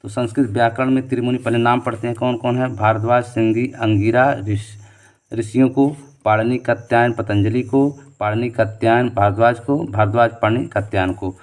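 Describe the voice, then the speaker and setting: A man's voice: medium pitch, steady tone, normal speed, darkish tone. A male teacher running an exam-prep quiz lesson, reading each question and its options aloud, then reasoning his way to the answer and repeating key answers back as a drill, with many fillers and memory tricks along the way. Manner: frequent fillers like "theek hai" and "jo hai"; gives memory tricks and shortcuts.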